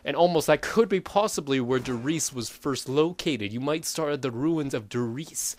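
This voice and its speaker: A man's voice: medium pitch, normal speed, darkish tone, a little hiss or hum. A young man talking through a gaming commentary in a casual, rambling way, full of fillers and self-corrections. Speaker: gaming YouTuber.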